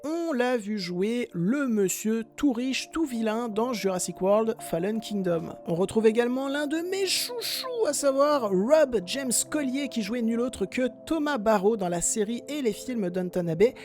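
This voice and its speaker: A woman's voice: fairly high pitch, expressive, measured pace, few pauses, a little mellow. A woman hosting a casual film review podcast, chatty and talking straight to her listeners with self-mocking asides.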